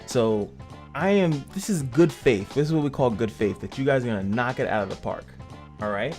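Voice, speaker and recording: Man, game reviewer, playful and jokey, very animated pitch, faint music behind. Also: normal speed. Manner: joking, playful, chatty. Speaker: game reviewer and channel host. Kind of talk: casual gaming commentary.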